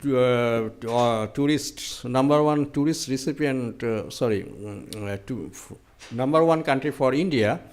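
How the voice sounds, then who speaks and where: A man answering audience questions at a conference, speaking haltingly with many fillers and restarts. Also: mid-range voice, darkish tone.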